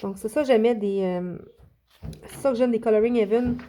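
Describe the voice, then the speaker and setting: Chatty Québécois woman with mellow voice. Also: fairly high pitch, normal speed, slight background noise. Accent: Québécois French. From Quebec. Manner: chatty, hesitant, many fillers and restarts. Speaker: coloring book YouTuber. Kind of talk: casual show-and-tell vlog.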